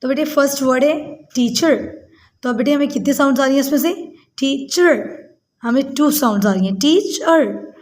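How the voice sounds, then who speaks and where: A woman teacher giving a recorded lesson to children. She speaks with a lilt, calls her pupils "beta", pauses on many "uh"s and reads English words out slowly. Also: high voice, darkish tone.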